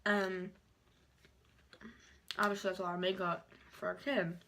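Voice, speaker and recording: A young woman chats casually and haltingly to the camera in a rambling, informal way, chewing as she talks. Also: fairly low pitch, little pitch movement, a bit bright, slight background noise. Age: young adult. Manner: chewing while talking. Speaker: YouTuber vlogger. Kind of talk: casual chat to camera during a mukbang.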